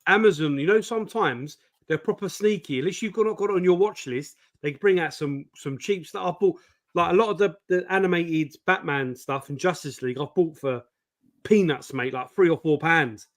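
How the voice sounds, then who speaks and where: Bloke nattering on a comics stream, a bit high pitched, lots of mate and listen. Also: male voice, moderate pace. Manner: chatty, swears, fillers like listen and mate. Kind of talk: casual chat.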